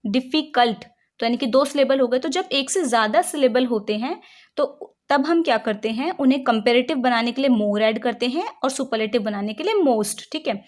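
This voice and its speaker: A woman teaching English grammar in Hindi. She reads each rule slowly in English, then explains it in Hindi with rhetorical check-in questions. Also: on the high side, animated. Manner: patient, checks understanding with frequent rhetorical questions.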